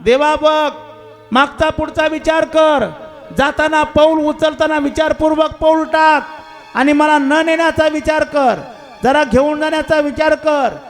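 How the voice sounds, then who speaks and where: A man voicing a defiant male crocodile who loudly challenges God in a sermon story. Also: very high-pitched, level tone, measured pace, voice pushed up. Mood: pleading. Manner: loud, taunting, challenging.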